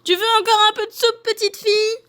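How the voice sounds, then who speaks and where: A squealing tiny bear cub. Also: female voice, extremely high pitch, steady tone, brisk, a bit bright, voice pushed up. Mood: shrill. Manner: piercing, squealing cries.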